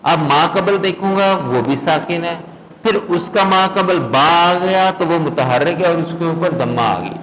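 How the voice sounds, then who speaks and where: A man teaching Quran recitation in a classroom lesson, patiently asking his students whether they follow and slowly drawing out words to demonstrate. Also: fairly high pitch, fairly bright tone, a little hiss or hum, low-quality recording. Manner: patient, checks understanding with frequent questions.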